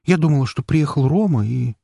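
A man voicing a frightened, indignant young woman prisoner in an audiobook, with a high-strung, protesting manner. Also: expressive, a little fast, creaky, warm tone, slightly rough, no room sound, studio quality, full character voice. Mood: surprised. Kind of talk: audiobook character voice.

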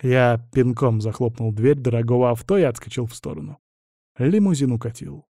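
A man narrating a first-person audiobook in a gruff, blunt, dramatic reading. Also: medium pitch, moderate pace, warm tone, no echo, clean studio sound.

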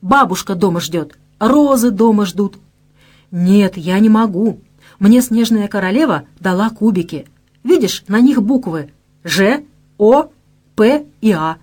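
A woman's voice: mid-range voice, expressive, measured pace, a little mellow, breathy edge. A woman reading an audiobook and voicing a joking young male office worker with a teasing manner. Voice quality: playful, teasing. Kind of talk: audiobook character voice.

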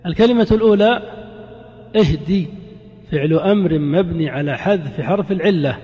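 A man's voice: a little high, normal speed, warm tone, muffled recording. A man teaching grammar to a class, quizzing students with short prompts and then explaining patiently. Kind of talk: interactive classroom lesson. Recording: long reverb in a hall.

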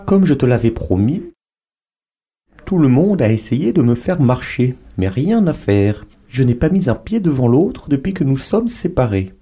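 A wily male dromedary in a told tale, teasing and proud of his trick, as a man acts him. The voice is dark and mellow, swinging widely up and down with sly little hums. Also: mid-range voice, very animated, husky, exaggerated voice. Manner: sly, chuckling, drawn-out hums.

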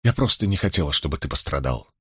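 A man's voice: rumbling low, expressive, fast, fairly bright tone, husky, no echo, clean studio sound, pitched below the performer's own voice, exaggerated voice. A man voicing a proud, anxious young priestess who speaks sharply and nervously. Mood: pleading.

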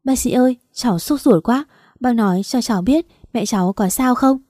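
A woman's voice: mid-range voice, a little slow, dark tone, dry recording, studio quality, natural voice. A woman voicing a distraught young daughter who speaks in a tearful, pleading way.

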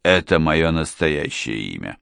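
A man's voice: extremely low pitch, big pitch swings, measured pace, creaky, a bit bright, clean tone, dry recording, studio quality, heavily acted. A man doing a sneering, cold impostor preacher. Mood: contemptuous. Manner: insolent, cold, contemptuous. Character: sneering scheming middle-aged male impostor preacher.

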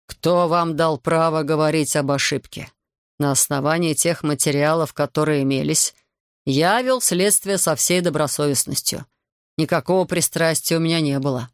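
A man's voice: a little high, moderate pace, clean tone, no room sound, clean studio sound, close to an everyday voice. A man reading the lines of an indignant male investigator who argues defensively and later turns weary and sympathetic. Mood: offended, defensive. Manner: offended, argumentative, later weary.

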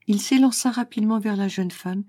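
Warm-voiced French audiobook narrator, woman. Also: mid-range voice, fairly quick, no room sound, clean studio sound. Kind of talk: audiobook reading of a classic story.

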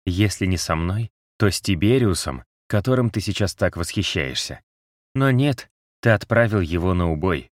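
Man voicing a talking cat, harsh, curt, raised pitch, dry close sound. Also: expressive, moderate pace, dry recording. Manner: curt and biting. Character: harsh, cold-spoken male talking cat. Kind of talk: audiobook character voice.

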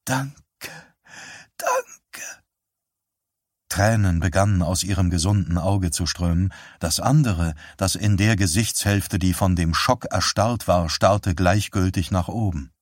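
A man reading an audiobook as narrator, in a measured, solemn way. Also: deep voice, no room sound, studio quality.

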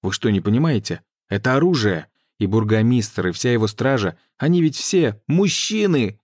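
A man voicing a brusque young male hero who barks loud orders in an audiobook. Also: mid-range voice, very animated, moderate pace, no room sound, studio quality, voice pushed up. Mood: commanding. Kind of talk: audiobook reading.

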